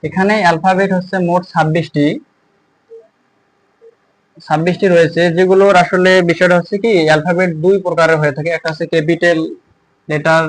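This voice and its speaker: A young man with a fairly high voice gives an English lesson, pausing and repeating words as he explains each letter. The sound is close and dry, with no room echo. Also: flat delivery. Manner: halting, repeats words while writing on a board. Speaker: English teacher. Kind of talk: spoken language lesson.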